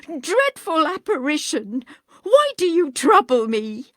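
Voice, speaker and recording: A woman voicing a terrified, miserly old man whose pleas rise high and shaky. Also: very animated, unhurried, no room sound, clean studio sound. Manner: high, shaky, pleading cries. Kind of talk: storybook reading.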